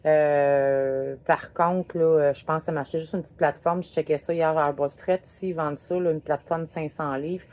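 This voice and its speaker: A woman's voice: deep voice, fairly even intonation, moderate pace, few pauses, a little mellow. A woman with a Québécois French accent giving a chatty, rambling recap of her day of RV travel. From Quebec, Canada. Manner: rambling and chatty, with many filler words. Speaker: RV travel vlogger. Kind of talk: casual travel vlog recap. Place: parked RV in a parking lot.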